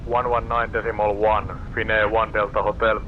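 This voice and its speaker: Lowish male pilot on muffled radio. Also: completely flat delivery, moderate pace. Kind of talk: brief radio readbacks. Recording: muffled, noisy aircraft radio.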